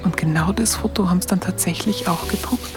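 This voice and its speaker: Loud music sits behind this lightly acted performance, where a woman with a lowish voice speaks briskly. She portrays a photographer looking back on her wartime youth for a radio drama, using a Bavarian accent and a hesitant, colloquial manner. The intimate first-person recollection comes across as reflective and confiding.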